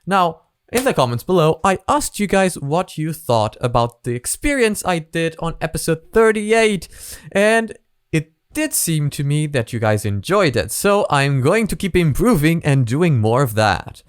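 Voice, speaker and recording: A man's voice: a little high, sing-song, measured pace, smooth, no echo. Guy doing reaction commentary, rambly and chatty, voice bouncing up and down a lot, dry close sound. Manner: chatty, rambling, with many fillers. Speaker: reaction video host.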